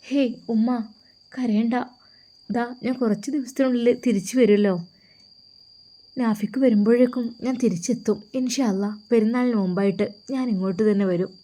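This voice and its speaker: Noor Fathima, a woman voicing a gentle young woman. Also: a little high, fairly even intonation, normal speed, close to an everyday voice. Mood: tender. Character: gentle, devout young woman, soft-spoken daughter-in-law.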